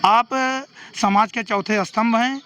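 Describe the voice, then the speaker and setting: A man's voice: high voice, fairly even intonation, unhurried, pushed and bright. A man, an advocate and local candidate, giving a formal statement to a reporter outdoors and demanding action. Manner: formal, demanding, lists legal sections.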